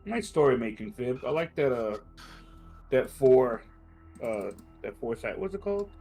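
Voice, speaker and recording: A man's voice: medium pitch, big pitch swings, moderate pace, creaky, mellow, husky, faint music behind. A man playing in a tabletop game, chatty and eager as he talks through his character. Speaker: player. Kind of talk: casual tabletop play.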